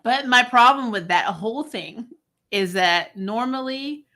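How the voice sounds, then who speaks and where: A woman with a somewhat high, slightly slow voice talks casually and opinionatedly, arguing bluntly and swearing freely. She hosts a comics and film review channel, and her animated, sweary arguing is punctuated by frequent laughter.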